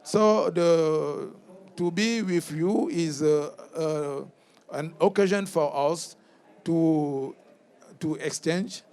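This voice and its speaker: A French-speaking man from Cameroon, with a Cameroonian French accent, speaks haltingly as a member of parliament on a conference panel. His voice is fairly high, a little mellow, and clean, and his remarks are full of fillers and restarts.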